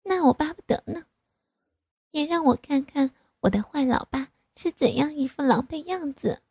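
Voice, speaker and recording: A woman doing a coy, wheedling young mother, lifted high. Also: measured pace, a little mellow, dry recording, studio quality. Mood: playful. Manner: coy, wheedling, sing-song.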